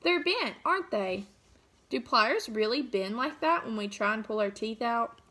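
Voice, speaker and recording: A woman teacher reading a picture book aloud and asking the children questions in a warm, child-directed way. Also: a little high, lively intonation, moderate pace.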